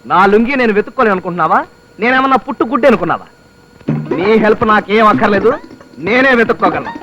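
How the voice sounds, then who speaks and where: An actor playing a flustered young married man who talks in quick, excitable outbursts in a film comedy. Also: high-pitched, dull audio. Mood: indignant. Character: flustered young husband, jumpy and loud. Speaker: newly married office clerk. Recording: film score behind.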